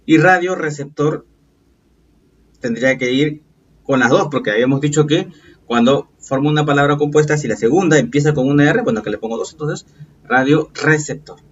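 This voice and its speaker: A man teaching a recorded review lesson, explaining patiently and checking in with quick "okay?" and "right?" questions. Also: on the high side, slight background noise. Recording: distant, dull lo-fi voice.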